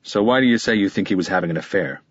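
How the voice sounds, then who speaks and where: A man voicing a calm male police detective who asks steady, persistent questions. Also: low voice, very fast, slightly rough, no room sound, dull audio. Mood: probing.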